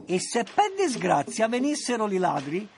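A man's voice: sits high, huge pitch swings, normal speed, gravelly, a little mellow, a little hiss or hum, pitched above the performer's own voice, heavily acted. A man voicing an angry rustic farmer in a radio story, scolding a thief. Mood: bossy. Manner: scolding, blustering.

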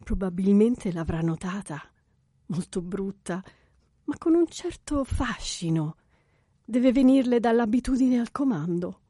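A man reading an audiobook, voicing a composed young English governess who speaks in a measured, coolly ironic way. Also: high-pitched, animated, mellow, no room sound, studio quality, pitched above the performer's own voice. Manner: measured, cool, slightly ironic. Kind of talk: audiobook character voice.

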